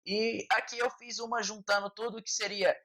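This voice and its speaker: A Brazilian woman teaching a French lesson online, explaining patiently and ending nearly every point with a quick "tá?". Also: mid-range voice, steady tone, a bit bright, poor audio. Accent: Brazilian Portuguese.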